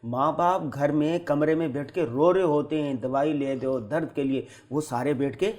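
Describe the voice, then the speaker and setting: A man's voice: a little high, fairly even intonation, darkish tone. A man hosting a podcast, murmuring agreement and putting earnest questions to his guest. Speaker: podcast host. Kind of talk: interviewing, brief affirmations.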